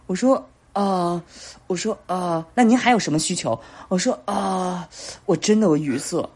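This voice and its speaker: This thirties-aged podcast co-host has a husky voice that sits on the low side, delivered at a moderate pace. Animated and quick to laugh, she spins stories in relaxed conversation and performs the dialogue herself.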